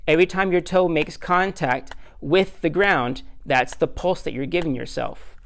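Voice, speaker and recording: A man's voice: fairly high pitch, normal speed, fairly bright tone. A man as a music teacher, giving a recorded lesson step by step, counting beats aloud in a patient, self-deprecating way.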